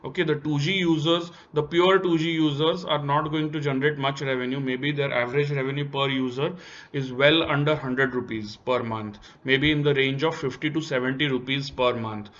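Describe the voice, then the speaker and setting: Speaking at normal speed with fairly even intonation, this Indian-accented man has a mid-range, slightly bright voice. He gives semi-scripted commentary over slides analyzing a company, going step by step and emphasizing key points, captured in a dull, lo-fi recording.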